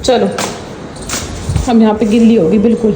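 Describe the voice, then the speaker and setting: A young woman, a mother, vlogging casually around her home, chatting and venting, and slipping into high sing-song baby talk with her daughter. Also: flat delivery, moderate pace, noisy background. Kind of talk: casual daily vlog.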